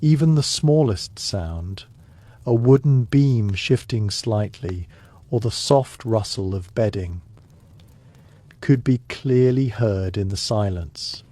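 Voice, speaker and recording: A man narrating a scripted bedtime history in a monotone delivery with little stress on any word. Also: lowish voice, slow, no echo.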